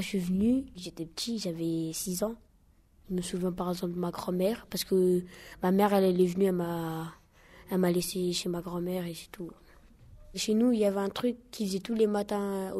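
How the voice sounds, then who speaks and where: A woman's voice: fairly low pitch, dark tone, husky. A teenage girl from Côte d'Ivoire describing things while searching for words. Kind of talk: spoken testimony.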